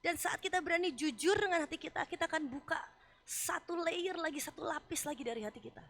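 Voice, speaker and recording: A woman pastor with an Indonesian accent preaching a sermon in a lively, conversational way. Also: extremely high pitch, quick pace. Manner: animated, acts out voices of Job and God; conversational, casual asides.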